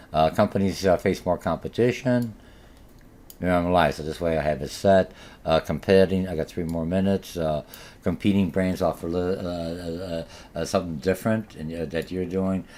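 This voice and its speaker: This recorded college marketing lecture comes from a man whose first language is Polish and whose accent shows it. His voice is low-pitched and darkish, and his delivery wanders, full of fillers and false starts.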